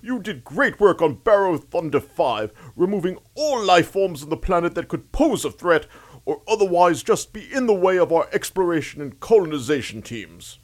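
A man's voice: high voice, big pitch swings, moderate pace. A man voicing a pompous, blustering male space admiral in a radio comedy sketch.

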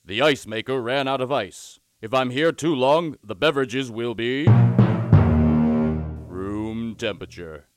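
A man voicing a smug, laid-back male first officer with a dry, deadpan delivery. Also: medium pitch, measured pace, loud music behind the voice, natural voice. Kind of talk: radio comedy sketch acting.

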